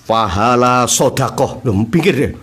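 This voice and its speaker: A man's voice: mid-range voice, unhurried, husky. A man, a cleric giving a humorous sermon lesson and acting out the voices in his stories. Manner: animated storytelling, acting out dialogue, frequent laughter from listeners. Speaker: Islamic cleric teaching a religious text. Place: religious study gathering.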